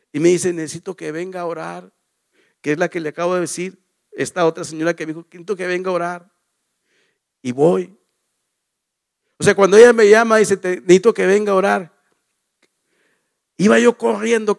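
A man preaching a sermon as pastor, his voice pitched high with a gravelly edge. He speaks emphatically, circling back to key phrases and putting rhetorical questions to the congregation. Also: a little fast, pauses often.

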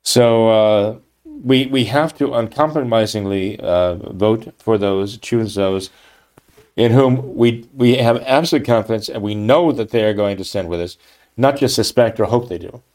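Indignant low-voiced male commentator. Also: a little slow, a little mellow. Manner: emphatic, indignant, with frequent restarts and "okay? right?" tags. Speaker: political commentator. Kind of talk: monologue reading and commenting on a news article.

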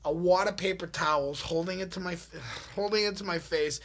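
A man telling a rowdy story in a casual chat, animated and laughing as he goes. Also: high voice, a little fast. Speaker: comedian.

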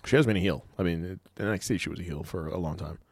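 A man with a fairly low voice talks casually as a co-host, often laughing and stumbling over repeated words. The sound is dry and close, with no room echo. He keeps an easy, chatty flow. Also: fast, slightly rough. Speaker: podcast co-host. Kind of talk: casual chat.

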